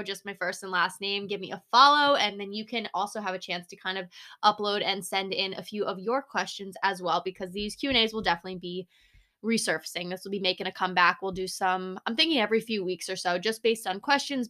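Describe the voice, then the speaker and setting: A young woman in her twenties with a bright, clear voice, hosting her own podcast. She talks in a bubbly, chatty, upbeat way, close to a microphone in her room. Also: medium pitch. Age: 20s. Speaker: podcast host. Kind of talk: casual solo podcast chat. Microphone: studio microphone.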